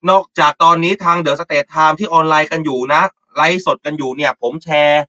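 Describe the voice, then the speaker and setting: A man's voice: a little high, steady tone, normal speed, sharp tone, no room sound, muffled recording. A man co-hosting a casual morning radio show, teasing his partner and reading out listener messages.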